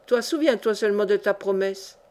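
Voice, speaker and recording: A woman reading the part of a cautious, nervous middle-aged official who speaks urgently and in a hushed way. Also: medium pitch, moderate pace, close to an everyday voice.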